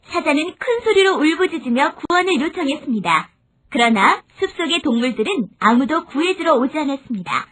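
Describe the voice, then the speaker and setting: Female storyteller for children's fables, bright tone, wide expressive pitch. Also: fairly quick.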